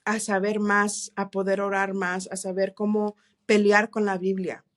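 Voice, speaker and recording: A woman telling her faith testimony in an interview, earnest and halting, with many restarts and English words mixed in. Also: medium pitch, flat delivery. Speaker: interview guest. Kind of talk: testimony in a church podcast interview.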